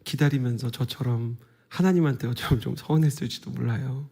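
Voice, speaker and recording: A man in his thirties, a guest pastor giving a revival sermon in a church, earnest and conversational with soft whispered asides. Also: medium pitch, fairly even intonation, brisk, vocal fry, husky. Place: church sanctuary.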